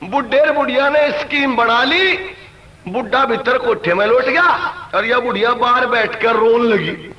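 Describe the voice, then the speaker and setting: A man telling rustic comic stories and voicing the characters in quick dialogue. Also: extremely high pitch. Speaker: comedian telling jokes. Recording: echoey lo-fi cassette recording.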